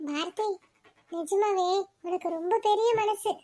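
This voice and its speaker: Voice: extremely high pitch, fairly even intonation, slow pace, dark tone. ஒரு குரல் நடிகர் பணக் கஷ்டத்தில் சோர்ந்த இளம் கணவனாக, கெஞ்சும் தொனியில் பேசுகிறார். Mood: worried. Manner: pleading, complaining. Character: distressed young husband, worn down by money troubles.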